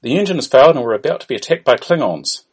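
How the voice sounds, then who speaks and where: A man's voice: medium pitch, expressive, rapid-fire, breathy edge, voice pushed up. A man voicing an exasperated, impatient starship captain in a comedy parody, with emphatic delivery.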